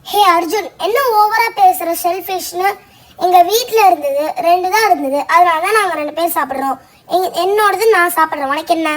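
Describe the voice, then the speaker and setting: A selfish young girl with a very high, childlike voice snaps back at the others, as a woman puts her on. She sounds defensive and sharp. It fits a homemade doll-play story. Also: a little fast. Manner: snappy, defensive. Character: selfish snappy girl Jeni.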